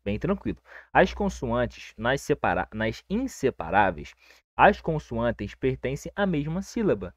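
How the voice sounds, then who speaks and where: A young Brazilian man teaching a casual grammar lesson, relaxed and reassuring, checking in with his listeners all the time. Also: medium pitch, unhurried, dry recording. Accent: Brazilian Portuguese. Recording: dry, dull lo-fi recording.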